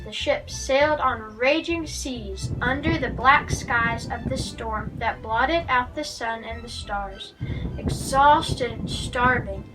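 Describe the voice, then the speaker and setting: A woman with a high voice and a sharp tone reads a Bible story aloud for children as a guest narrator. The microphone is distant, and music plays underneath.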